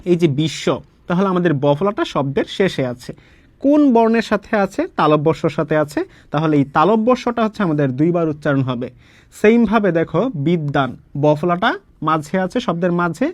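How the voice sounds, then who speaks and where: A man's voice: high-pitched, animated, fairly quick, no room sound. A young man from Bangladesh teaching an exam-prep grammar lesson, explaining step by step and asking and answering his own questions.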